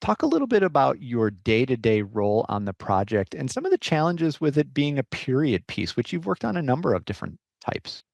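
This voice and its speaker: A man's voice: mid-range voice, big pitch swings, a little fast, creaky, few pauses, darkish tone, no echo. A man hosting a podcast interview, reading a scripted introduction and asking upbeat questions. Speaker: podcast host.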